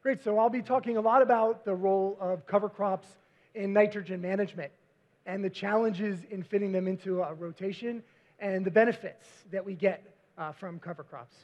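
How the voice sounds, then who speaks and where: A man, a visiting researcher, giving a conference presentation with slides, talking quickly with frequent fillers. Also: high voice, steady tone, a little mellow. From United States. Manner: self-described fast talker, frequent fillers. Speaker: visiting cover crop researcher. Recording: dull lo-fi recording.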